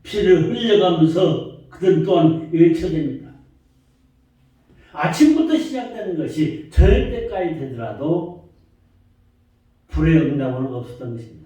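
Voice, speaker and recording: A male pastor delivers a sermon at a deliberate, unhurried pace, pushing his voice upward into emphatic questions. His tone is mellow and somewhat high for a man. The sound reaches the mic from far off through the heavy echo of a church sanctuary. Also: animated. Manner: preaching slowly with rising emphatic questions.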